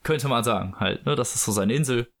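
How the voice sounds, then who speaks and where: A man with a medium-pitched, slightly bright voice talks fairly quickly. He's a host casually retelling a story, loose and full of fillers, as he reads and discusses a book in a relaxed chat.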